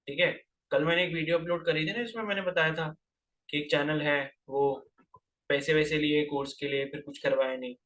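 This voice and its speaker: A man's voice: on the high side, steady tone, brisk, a bit bright. A man teaching a physics class, lecturing and scolding his students with rhetorical questions, terms into his speech.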